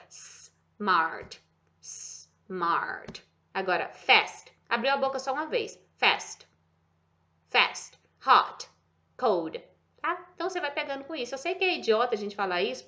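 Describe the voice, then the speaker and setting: Bright-voiced woman teaching English. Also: on the high side. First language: Portuguese. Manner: explains slowly, repeats words, checks in with "tá?". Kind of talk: casual online English lesson. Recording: dull lo-fi sound.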